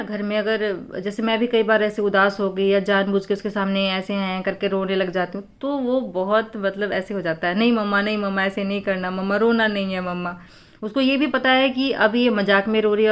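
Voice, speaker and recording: Patient mother explaining step by step. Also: mid-range voice. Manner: patient, step-by-step explaining with frequent pauses and fillers. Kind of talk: casual explanatory talk.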